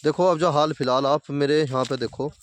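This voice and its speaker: A man's voice: a little high, a little fast. A man talking casually outdoors by his fields, giving plain, repetitive advice to fellow farmers. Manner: plain-spoken, repeats points, addresses viewers as farmer brothers. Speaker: farming video host.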